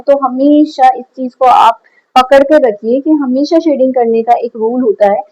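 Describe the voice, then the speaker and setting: A woman's voice: a little high, warm tone, poor audio. A woman teaching a shading lesson step by step, patiently asking the class questions and answering them herself. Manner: frequent checks like "clear?". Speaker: drawing teacher.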